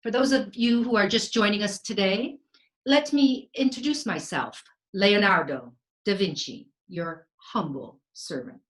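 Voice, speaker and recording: Woman playing grandiose, slow-spoken Leonardo da Vinci. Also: mid-range voice, lively intonation, close to an everyday voice. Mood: playful, courtly. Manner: florid, dramatic pauses, sprinkled Italian words. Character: grandiose, vain, playful Leonardo da Vinci, Renaissance man. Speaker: stage actor. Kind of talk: theatrical comic monologue.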